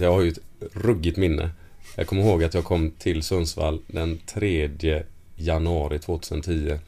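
A man in his thirties, guesting on a casual interview, spins stories about old teammates. His voice sits very low, and he breaks into laughter often as the anecdotes get wilder. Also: darkish tone. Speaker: football player guest.

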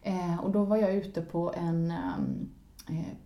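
Animated woman telling a story. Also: on the low side, highs cut off. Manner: animated, laughs often, lively swings into exclamations. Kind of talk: casual spoken storytelling. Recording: roomy echo.

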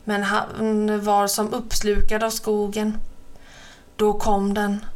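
A woman reads a children's adventure story aloud. Her voice sits a little high and carries the tale with steady expression. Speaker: narrator. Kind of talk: storybook reading.

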